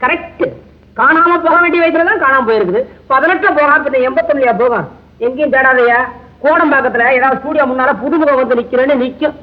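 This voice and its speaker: An actor playing a cocky, joking private detective in an old comedy scene, with a mocking, wisecracking manner. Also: male voice, very high voice, fast talker. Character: cocky joking male detective, middle-aged. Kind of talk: 1960s Tamil film comedy acting. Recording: dull old film soundtrack.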